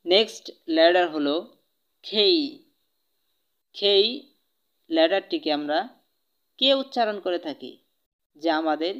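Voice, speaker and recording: Bengali-accented pronunciation teacher; very slow, deliberate delivery; dull lo-fi recording. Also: mid-range voice, clear, resonant tone. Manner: slow, careful drilling of words and example sentences. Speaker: spoken English teacher. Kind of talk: pronunciation lesson.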